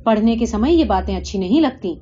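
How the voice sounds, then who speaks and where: A woman's voice: mid-range voice, lively intonation, mellow, natural voice. A woman voicing a young male student who brushes off talk of marriage impatiently. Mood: dismissive. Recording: dull lo-fi recording.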